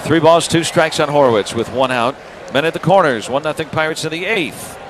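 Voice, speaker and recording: An American-accented man calls live baseball play-by-play on the radio, speaking in clipped phrases with pauses between pitches. Background noise can be heard.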